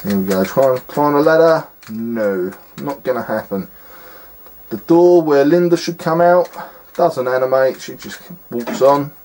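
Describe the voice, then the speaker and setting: Man, mid pitch, scornful running commentary over gameplay, noisy take with clicks. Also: a little slow. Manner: exasperated, scornful, rambling with fillers. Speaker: retro game reviewer.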